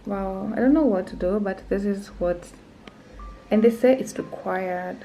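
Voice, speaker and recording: A woman's voice: medium pitch, measured pace, warm tone, faint music behind, rough recording. A young woman vlogging casually, thinking aloud, nervous and often dropping to a whisper. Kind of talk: casual vlog narration.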